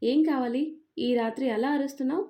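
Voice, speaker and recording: A woman doing a sharp-tongued, scolding mother. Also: sits high, a little fast. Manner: sharp-tongued and sarcastic, then fond. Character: scolding yet loving middle-aged mother.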